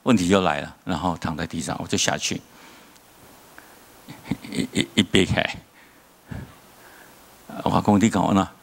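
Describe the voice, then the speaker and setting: A man with a Taiwanese Mandarin accent preaching in church, telling lively stories and firing rhetorical questions at the congregation. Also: sits low, unhurried, long pauses, slightly rough. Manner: lively storytelling preacher, asks rhetorical questions, chuckles at own jokes. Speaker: pastor. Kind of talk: sermon.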